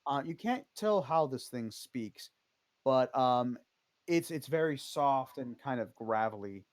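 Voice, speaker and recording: Male game master, slow and halting delivery, close dry mic. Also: mid-range voice, expressive, no echo. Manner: unhurried, many ums and uhs. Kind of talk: narrating a tabletop game.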